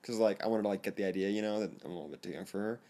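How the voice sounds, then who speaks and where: A teenage boy telling a story to his camera in a casual vlog, rambling and self-conscious, often laughing and jumping into a higher, excited voice. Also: very fast. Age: teens. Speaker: vlogger.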